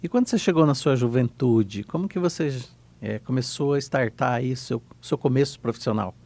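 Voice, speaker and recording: A man's voice: medium pitch, moderate pace, creaky. A man hosting a podcast interview, giving an upbeat introduction and then short, friendly questions and replies. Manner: warm introductions, brief affirmations. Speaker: podcast host, journalist.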